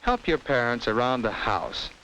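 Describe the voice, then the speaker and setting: This is the narrator of a 1950s-style scripted children's film: an American man with a mid-range voice and animated, shifting melody, teaching young listeners in a plain, instructive way. A light hiss runs through the vintage soundtrack, and the recording is rough, though it plays at normal speed.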